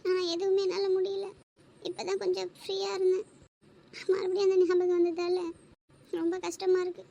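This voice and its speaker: A woman voices a heartbroken young woman in an audio drama, in a very high, light voice. Her speech is weary and tearful, and it falters between phrases. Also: monotone, normal speed, gravelly, warm tone. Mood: sorrowful.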